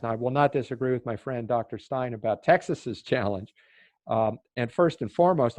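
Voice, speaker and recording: A man's voice: mid-range voice, a little mellow, no room sound. Older man explaining policy, dry mic. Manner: measured, explanatory, with fillers and restarts. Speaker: former official, panel guest. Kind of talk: panel discussion answer.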